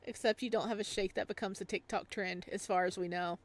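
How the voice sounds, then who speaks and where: A woman streamer with a medium-pitched, fairly even voice talks a little fast while reading a visual novel aloud. She's chatty and giggly, casually chatting with viewers as she plays and reads in a playful way.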